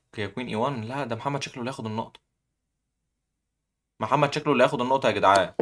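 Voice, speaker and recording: A young man with an Egyptian accent hosting a live chess puzzle contest, excitedly cheering the players on. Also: medium pitch, very fast. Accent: Egyptian Arabic. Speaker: chess stream host.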